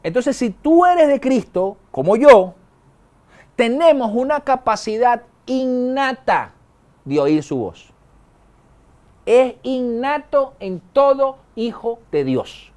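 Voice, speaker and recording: High-voiced pastor preaching. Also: male voice, very animated, darkish tone. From Venezuela. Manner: conversational preaching with colloquial asides and quick bursts. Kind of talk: sermon.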